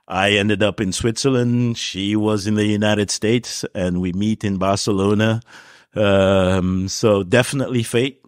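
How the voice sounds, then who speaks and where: A podcast guest in his fifties, originally from Cameroon, tells his story in a relaxed, unhurried interview, peppering it with small fillers. His voice is on the low side, and the recording is dry and close with no room sound at all.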